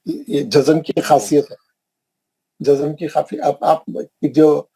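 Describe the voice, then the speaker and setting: Husky male tajweed teacher drilling students. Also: on the high side, fairly even intonation, mellow, low-quality recording. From India. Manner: repetitive, questioning, drilling the class. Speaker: Quran recitation teacher. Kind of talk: online tajweed class.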